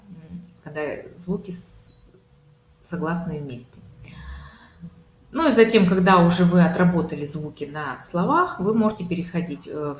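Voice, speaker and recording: A woman speech therapist with a low, steady voice explains home exercises patiently, stacking up example words and pausing on filler sounds. She is recorded in a roomy, echoey space with a faint hiss underneath. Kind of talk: consultation talk on home exercises.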